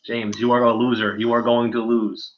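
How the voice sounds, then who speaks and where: A man's voice: mid-range voice, level tone, moderate pace, muffled recording. A man trash-talking a fantasy football rival with mock-grand claims and swearing. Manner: mock-grandiose trash talk, swears, laughs at own jokes. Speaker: fantasy league player. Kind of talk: trash-talking casual banter.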